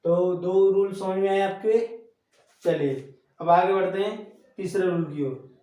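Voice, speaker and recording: A man's voice: high voice, fairly even intonation, measured pace, mellow. A male tutor with a Hindi accent explaining a grammar lesson step by step and checking that his students follow. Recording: echoey room from far off.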